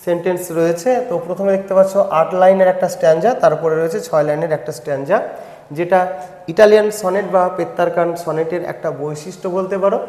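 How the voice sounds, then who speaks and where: A man with a fairly high voice and a Bengali accent, patiently walking students through a poem step by step. His voice rings in an echoey room with a long, trailing reverb. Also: darkish tone. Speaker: teacher. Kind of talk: line-by-line poem explanation lesson.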